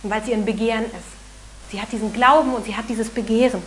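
A woman preaching a sermon in an earnest, animated way, sometimes acting out the voices she quotes. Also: a little high, fairly quick, slight background noise, poor audio.

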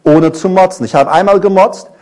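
A middle-aged man preaching a sermon, animated, asking his congregation question after question and telling stories from his own life. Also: sits high, brisk. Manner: tells personal stories.

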